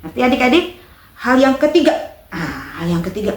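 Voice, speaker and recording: A woman teaching a children's church service in an animated, playful way, acting out quotes. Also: a little high, fairly quick. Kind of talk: children's sermon. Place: church hall. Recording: echoey room.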